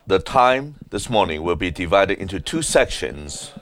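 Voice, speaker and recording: A man preaching at a conference in a meeting hall, halting often with filler sounds as he speaks. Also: low voice, big pitch swings, a bit bright. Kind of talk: sermon.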